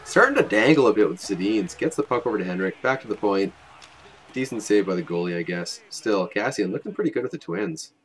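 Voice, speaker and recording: A young man giving joking, wry play-by-play voice-over of game highlights. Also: big pitch swings, a little fast, slight background noise. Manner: wry, joking, self-mocking. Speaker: highlights commentator.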